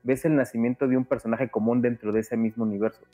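Mellow-voiced man talking film. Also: medium pitch, steady tone, fast, soft background music. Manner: talkative, thinks aloud with many fillers. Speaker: guest film commentator. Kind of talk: casual podcast discussion.

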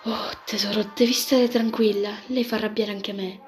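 A woman voicing a young gendarme in love who speaks gently, with music playing behind. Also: medium pitch, steady tone, moderate pace, lightly acted. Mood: gentle. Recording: background music throughout.

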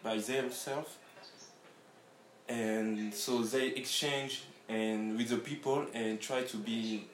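A man who grew up in France, a guest in a casual interview, talking haltingly and searching for his words. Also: mid-range voice, steady tone, slight background noise. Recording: roomy echo.

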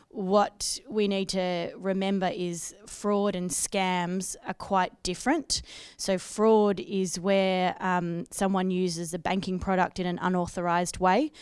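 A woman's voice: lowish voice, clear, resonant tone, no room sound. A woman on a panel explaining banking security in an explanatory way, with frequent ums. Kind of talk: panel discussion.

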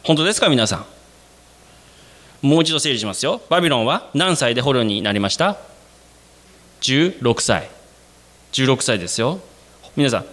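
A man preaching a sermon to his congregation, speaking to them directly. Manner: animated, addresses the congregation directly; acts out quoted voices with sudden jumps in pitch. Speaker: pastor.

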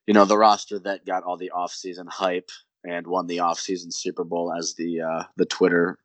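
A man's voice: deep voice, moderate pace, no echo. A young man co-hosting a sports podcast, chatting casually and rambling with lots of "like" and "um". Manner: relaxed, rambling with many likes and ums. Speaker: podcast co-host. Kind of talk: casual chat.

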